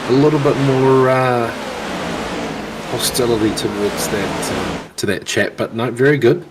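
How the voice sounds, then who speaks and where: A man's voice: mid-range voice, lively intonation, a little slow. Kiwi male co-commentator over engine noise. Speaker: race co-commentator. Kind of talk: casual live commentary. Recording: clear engine noise behind. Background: vehicle engines.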